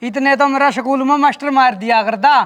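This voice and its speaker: A man's voice: very high voice, fairly quick, fairly bright tone. A man with a Haryanvi accent playing a blunt, scheming brother-in-law who coaxes and threatens in a village comedy. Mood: coaxing, threatening. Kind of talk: village comedy sketch acting.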